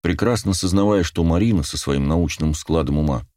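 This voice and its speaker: A man with a low, dark voice reads a first-person audiobook at a measured, unhurried pace. His delivery is steady and close to the mic. The recording is dry, with no room sound. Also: no echo. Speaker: audiobook narrator.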